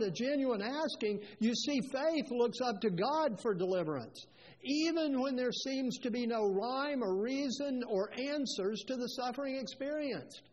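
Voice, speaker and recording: A man's voice: extremely high pitch, dull audio. A male pastor preaching a sermon, earnest and building to fervent moments. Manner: earnest preaching, rises to fervent scripture quotes.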